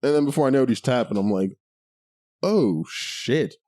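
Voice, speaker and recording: A man's voice: mid-range voice, very fast, dark tone, no room sound, clean studio sound. A man co-hosting a podcast, chatting casually with profanity, sarcasm and frequent laughter. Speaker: podcast co-host. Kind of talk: casual chat.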